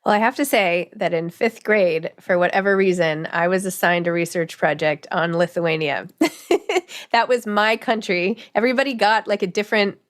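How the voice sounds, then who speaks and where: A middle-aged woman hosting an interview, chatty and rambling with quick asides. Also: medium pitch, fairly bright tone. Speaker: podcast host. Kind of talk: conversational interview.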